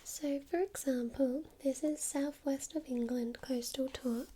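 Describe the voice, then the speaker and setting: Woman doing whispered role-play as a librarian, soft library whisper, really slow, mellow, bit of background hiss. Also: high-pitched, fairly even intonation. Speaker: friendly librarian recommending books.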